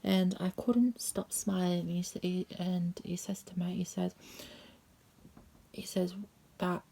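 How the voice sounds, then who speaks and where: Low gravelly woman, rambling. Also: flat delivery, takes it slowly, slight background noise. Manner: rambling, repeats "he says" often; drifts into soft half-whispers. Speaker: vlogger. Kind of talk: casual personal storytelling.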